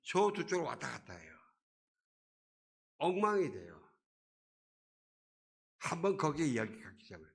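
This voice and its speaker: A man pastor preaching a sermon in a church, swinging between quiet and loud and briefly acting out the voices of a crowd and a beggar. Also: a little high, huge pitch swings, moderate pace, vocal fry, pauses often. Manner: acts out crowd and beggar voices, rising and falling loudness. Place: church sanctuary.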